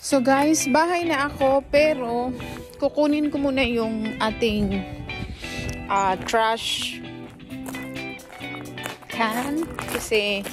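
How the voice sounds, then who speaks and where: A woman's voice: high-pitched, fairly even intonation, very slow, long pauses, over music. A young adult Filipino woman vlogging casually, talking to her pets and viewers in a mix of Tagalog and English. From Philippines. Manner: coos and scolds pets in baby talk, switching between Tagalog and English. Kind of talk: casual vlog chat.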